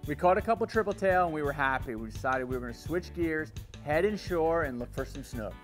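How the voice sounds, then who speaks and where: A middle-aged man seated on a porch outdoors, calmly explaining fishing conditions in an interview. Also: fairly high pitch, brisk, soft background music. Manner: calm, informative. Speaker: fishing show host.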